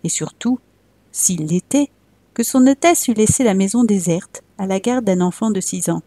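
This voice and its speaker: A woman reading a classic tale aloud as a storyteller, measured and expressive. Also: medium pitch, dry recording.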